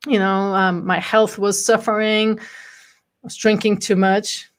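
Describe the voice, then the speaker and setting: Unhurried and level in tone, a mid-range female voice comes from a Bulgarian interview guest in her forties. In this casual chat she shares stories frankly, often saying um and laughing lightly.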